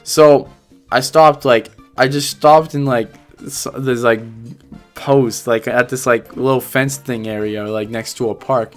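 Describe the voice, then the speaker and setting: A man's voice: medium pitch, measured pace, soft background music. Slangy young man telling a story. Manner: animated, slangy, laughs often. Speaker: vlogger. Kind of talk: casual storytelling.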